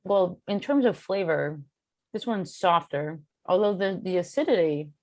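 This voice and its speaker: A woman chatting casually as a podcast guest, self-deprecating and full of halting restarts. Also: lowish voice, darkish tone, dry recording, studio quality. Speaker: guest, cartoonist and beer educator.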